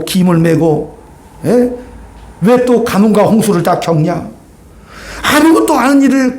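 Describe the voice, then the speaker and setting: A male pastor preaching a sermon, acting out dialogue and asking the congregation questions. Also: sits high. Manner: animated, acts out dialogue, asks the congregation questions. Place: church sanctuary.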